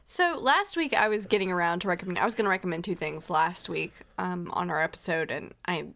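A woman's voice: on the low side, fairly quick, gravelly, a bit bright. Chatty woman co-hosting a podcast. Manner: chatty, self-deprecating. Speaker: podcast co-host. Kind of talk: casual chat.

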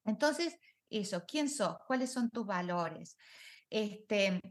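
A middle-aged woman, a life coach, speaks reflectively in a conversational interview with a mid-range, expressive voice at a slow pace. She asks many rhetorical questions and mixes in English words.

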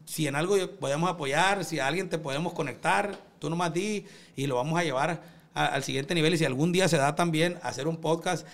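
Male podcast guest, Sinaloan Mexican accent, rapid and slightly high-voiced, street slang and swearing, casual motivational talk. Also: a bit bright. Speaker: podcast guest, music label representative.

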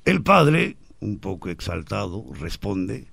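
A man telling a joke as a comedian in a radio sketch, theatrical, with exaggerated drawn-out laughs. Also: lowish voice, very animated, creaky, a bit bright, dry recording. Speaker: comedian contestant.

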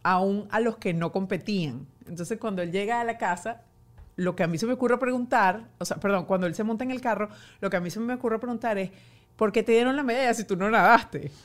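A woman in her forties, a journalist guest, talking candidly and lively about her children, mocking herself and acting out what her family says. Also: mid-range voice, brisk. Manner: animated, self-mocking, quotes family in acted asides. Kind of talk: candid conversational interview. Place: home pantry.

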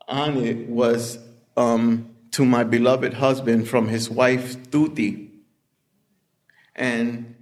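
A man, telling his recovery story in a casual, conversational way, often acting out what people said to him. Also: medium pitch. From Puerto Rican heritage. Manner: conversational storytelling with frequent "you know" and acted-out quotes. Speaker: recovery speaker. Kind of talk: storytelling share at a recovery meeting.

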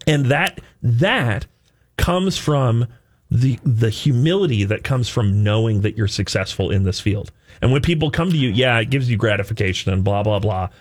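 Guy chatting on a radio show, husky kinda rough voice, mid pitch. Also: expressive, normal speed. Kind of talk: casual conversational talk.

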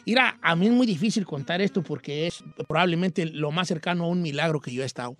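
A man's voice: on the high side, fast talker, faint music behind, close to an everyday voice. A man voicing an old Mexican rancher with a Mexican accent, hosting a radio show and telling a rambling, self-mocking comic story. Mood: folksy storytelling.

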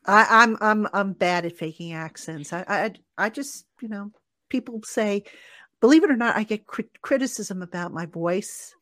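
A man's voice: normal speed, bright, forceful tone, no echo, studio quality. A man hosting a live sports talk show, rambling and self-deprecating, with frequent stammered restarts. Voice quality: high voice, not a radio voice by his own account. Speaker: sports podcast host.

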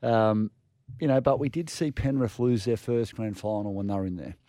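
A man's voice: lowish voice, moderate pace, mellow, no room sound, studio quality. An Australian man co-hosting sports radio, chatting casually in a hesitant, joking way. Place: radio studio.

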